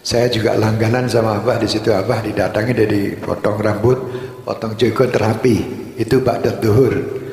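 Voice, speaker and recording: A man giving a sermon, telling a story in a calm, unhurried way. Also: lowish voice, vocal fry. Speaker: preacher. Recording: echoey hall with long reverb.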